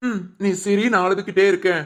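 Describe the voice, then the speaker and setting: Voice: mid-range voice, flat delivery, fairly quick, lightly acted. A voice actor playing an exasperated, put-upon single young man in a cartoon, grumbling and sarcastic. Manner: grumbling, sarcastic, mock-dramatic. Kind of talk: cartoon voice acting.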